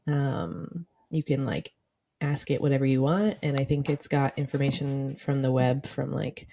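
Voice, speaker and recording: A woman's voice: very deep voice, mellow, slight background noise. A young woman in her twenties co-hosting a podcast, telling stories in casual chat with lots of "like" fillers while she is a bit sick. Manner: chatty storyteller, many "like" fillers. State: sick, coughing. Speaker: podcast co-host.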